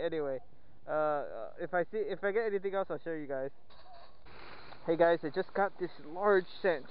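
A man chatting casually and playfully while metal detecting outdoors in the woods, excited over each find. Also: high voice, clean tone. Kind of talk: casual outdoor vlog commentary. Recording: dull lo-fi outdoor audio with faint wind noise.

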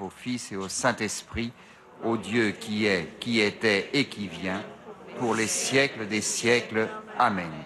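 A middle-aged male priest leading the rosary at an outdoor grotto shrine, reciting prayers slowly into a lectern mic. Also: fairly low pitch, pushed and bright. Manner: slow measured prayer recitation. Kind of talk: slow recited prayer and meditation. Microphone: stand mic at a lectern.

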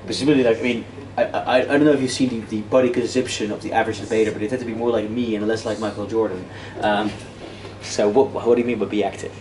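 Speaking fast in a fairly low, slightly mellow voice with fairly even intonation, a Dutch-native man in his thirties delivers an interactive debate workshop lecture. His style is casual and self-deprecating, with lots of fillers and restarts, and he walks and gestures around an indoor classroom with a projector screen. The far camera captures echoey, noisy sound from a distance.

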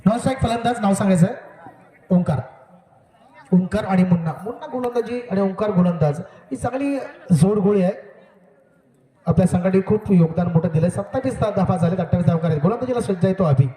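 A man giving live commentary on a local cricket match over an outdoor loudspeaker, joking and repeatedly asking the crowd to cooperate. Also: high-pitched, fairly quick, roomy sound. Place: outdoor village cricket ground. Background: crowd at the ground.

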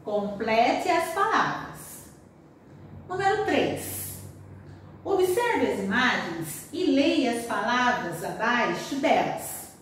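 A woman teacher with a Brazilian Portuguese accent, giving slow, clearly spelled-out instructions in a recorded lesson for children. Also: a little high, big pitch swings, a little hiss or hum. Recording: roomy distant home recording.

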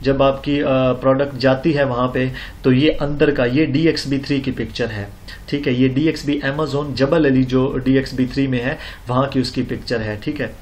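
A man's voice: medium pitch, steady tone, moderate pace, a little mellow. A man narrating a screen-recorded seller tutorial, explaining step by step with many fillers and check-ins. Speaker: online seller tutorial host. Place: indoors at computer, voice-over on screen recording.

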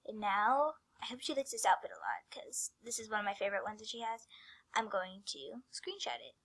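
A woman's voice: mid-range voice, expressive, fairly quick, a bit bright, husky. A female vlogger talking casually and rambling as she works, often dropping her voice to a whisper. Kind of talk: casual screen-recorded vlog.

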